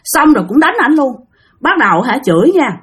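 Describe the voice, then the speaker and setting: A woman's voice: high voice, sing-song, a little fast, fairly bright tone. A woman with a Southern Vietnamese accent narrating a story, chatting directly with her listeners.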